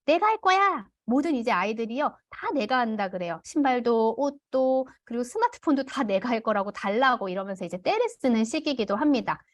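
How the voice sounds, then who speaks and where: A woman teaching an online parenting class, calmly explaining and acting out what parents can say to children. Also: fairly high pitch, fairly quick, few pauses, no echo. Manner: demonstrates parent phrases aloud. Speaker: parenting educator. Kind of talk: online parent education lecture.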